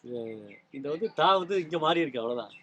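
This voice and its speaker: A man's voice: a little high, quick pace, a bit bright, muffled recording. A man teaching language and spelling rules to a small group, patient and explanatory, often checking with questions. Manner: patient, quizzes listeners with repeated questions.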